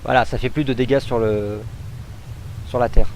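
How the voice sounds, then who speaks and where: A man's voice: mid-range voice, steady tone, normal speed, a little mellow, slight background noise, low-quality recording. A man casually commenting on gameplay as he demonstrates a game mod, chatty and hesitant, thinking aloud with fillers. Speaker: gamer showcasing a mod.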